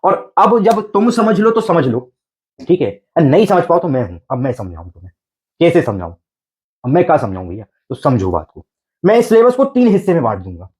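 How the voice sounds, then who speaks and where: A man's voice: on the high side, sing-song, fairly quick, darkish tone. Coaxing male coaching teacher. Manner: coaxing, repetitive, rhetorical questions. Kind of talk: exam coaching lecture.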